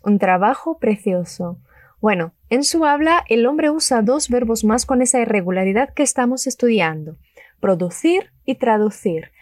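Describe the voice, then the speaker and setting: A woman teaching a Spanish lesson, upbeat and enthusiastic, saying model phrases slowly and clearly for learners to repeat. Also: fairly high pitch, expressive, a little mellow, no room sound, clean studio sound. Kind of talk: language lesson with repeat-after-me drills.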